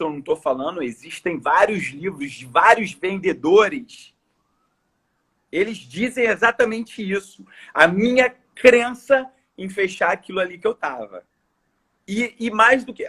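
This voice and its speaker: Husky high-voiced Brazilian coach. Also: male voice, a bit bright. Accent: Brazilian Portuguese. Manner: earnest, emphatic, repeats phrases for stress. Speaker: coach and course speaker. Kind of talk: casual podcast conversation.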